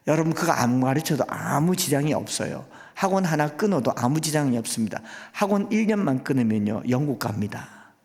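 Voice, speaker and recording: A man preaching to his congregation with a fairly high voice. He drives his points home with rhetorical questions. A long hall reverb carries his words through the church. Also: expressive, a little fast, vocal fry, few pauses, darkish tone. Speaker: guest pastor. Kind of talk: sermon. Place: church sanctuary.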